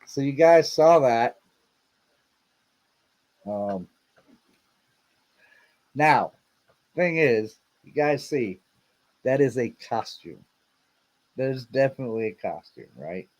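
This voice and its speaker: A man's voice: medium pitch, animated, takes it slowly, pauses often, darkish tone. A man hosting a casual livestream, chatting and rambling as he reacts to video clips he plays. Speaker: show host.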